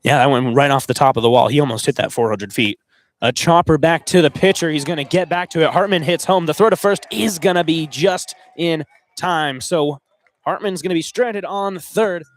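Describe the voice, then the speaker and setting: A young male student announcer calls baseball play-by-play for college radio, his voice sitting a little high. He stays brisk through routine pitches and gets excitable when a ball is hit deep, his pitch climbing with the action. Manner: excitable, voice climbs on big plays.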